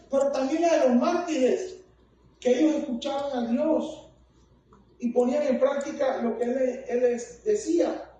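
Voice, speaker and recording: A woman's voice: sits high, dark tone. A woman preacher delivering a fervent sermon who keeps calling her listeners "hermano". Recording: echoey hall, distant mic, faint noise.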